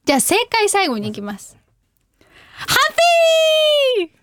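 This young female radio host giggles her way through listener letters in a relaxed chat, bursting out with catchphrases at times. Her high-pitched voice swings widely, and her pace is quick.

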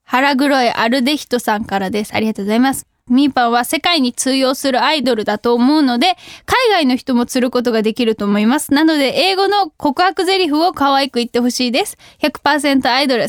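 High-voiced giggly woman radio host. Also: fast, dry recording, studio quality. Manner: giggly, self-deprecating. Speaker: idol radio host reading listener mail. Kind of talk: casual radio chat. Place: radio studio.

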